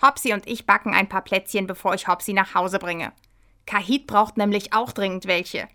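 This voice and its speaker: A woman voicing a brisk, bossy little male Christmas elf in a children's story. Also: mid-range voice, steady tone, sharp tone.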